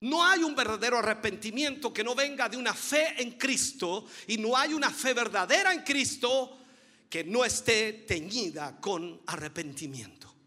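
A man's voice: extremely high pitch, lively intonation, moderate pace, pushed and bright. A man preaching a sermon with fervent, emphatic delivery, building repeated phrases and calling listeners dear brother. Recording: long hall reverb.

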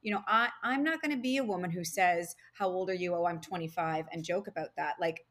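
Woman, forties, slightly low voice, casual rambling chat, lots of fillers. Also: fairly quick, a bit bright. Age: 40s. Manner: rambling, full of fillers and restarts. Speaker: podcast co-host, guest. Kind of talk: casual conversation.

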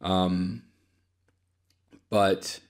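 A young man speaks extremely slowly in a low-pitched voice with little pitch movement, hosting an unscripted solo podcast on a podcast mic. He comes off tired and apologetic, a little dry-voiced, with frequent fillers and restarts.

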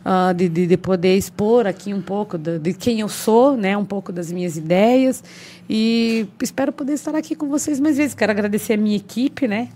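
A woman from Brazil, a guest on a podcast, telling anecdotes in a lively, animated way. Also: mid-range voice, moderate pace, slight background noise. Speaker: podcast guest, local government official. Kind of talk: casual chat, storytelling.

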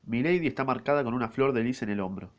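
A man's voice: medium pitch, animated, fast talker, lo-fi sound, natural voice. Argentine guy doing a jumpy young swordsman, swears a lot, plain mid voice. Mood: agitated. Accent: Argentine Rioplatense Spanish. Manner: swears casually, uses vos. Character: young male swordsman, panicked and brash.

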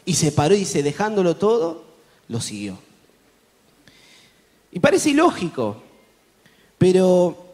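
A man with a Rioplatense Spanish accent preaching a conference sermon, telling Bible stories with lively rhetorical questions to the audience. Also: high voice. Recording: long hall reverb.

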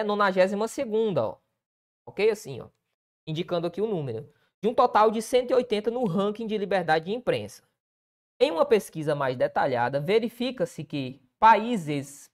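Lively Brazilian teacher checking in often. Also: male voice, high voice. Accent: Brazilian Portuguese. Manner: keeps checking in with the listener and pointing things out. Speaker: essay-writing teacher. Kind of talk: correcting a student essay aloud.

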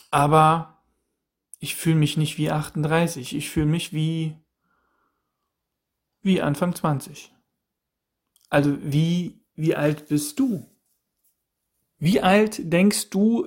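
A man in his thirties hosting a solo podcast, musing aloud with repeated questions and frequent restarts. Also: a little high. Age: 30s. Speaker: podcast host. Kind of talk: casual solo podcast monologue.

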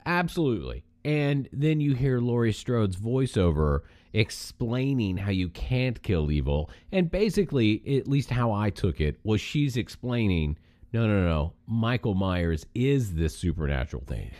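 Low-voiced guy cohosting a chat show, swoops up and down a lot, dry close sound. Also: very animated, unhurried, a little mellow, no echo. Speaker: podcast co-host. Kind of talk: casual chat.

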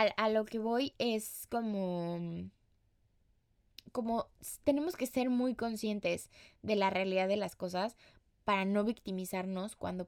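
Mexican woman on her podcast, casual slangy chat, talks like she's with friends. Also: medium pitch. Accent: Mexican Spanish. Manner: chatty and slangy, with playful acted-out quotes. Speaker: podcast host.

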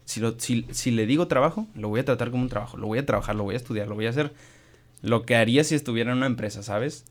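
A man's voice: mid-range voice, very fast. A young man, chatting as a guest on a radio show, rambling with many fillers and restarts. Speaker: musician guest. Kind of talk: casual interview chat.

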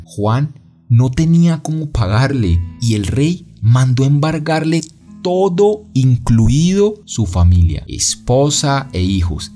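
Man, devotional testimony, earnest, asks the listener questions, mellow dark voice, soft guitar behind. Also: medium pitch.

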